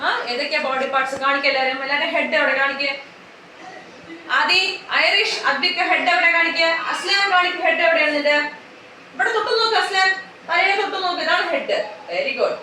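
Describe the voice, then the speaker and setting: A woman teaches a preschool class, coaxing the children and repeating each simple word. Her voice is high and bright. It comes from far off in a very echoey classroom. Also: brisk, a little hiss or hum. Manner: coaxing, repeating simple words and asking many questions.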